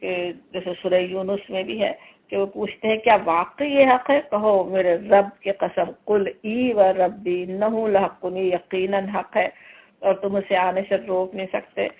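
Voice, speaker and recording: A Quran teacher giving a commentary lesson, explaining the verses word by word with emphasis. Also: medium pitch. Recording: tinny phone-like recording.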